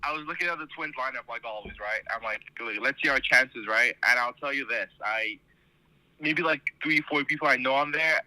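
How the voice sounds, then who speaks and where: A man's voice: mid-range voice, normal speed, bright, forceful tone, low-quality recording. A man calling in to a casual sports chat, heard through a phone on speaker, who ends his sentences with "right?". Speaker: caller.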